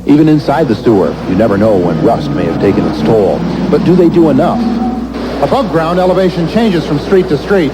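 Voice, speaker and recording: Male reporter over clear background noise. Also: a little high, animated, fairly quick. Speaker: TV news reporter. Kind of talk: scripted news report narration.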